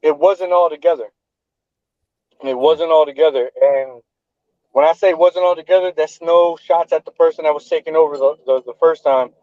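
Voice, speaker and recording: A man's voice: on the high side, moderate pace, no echo, muffled recording. A man in his thirties hosting a podcast over a remote call, talking casually and earnestly, repeating phrases as he builds a point. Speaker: podcast host and event organizer. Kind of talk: casual chat.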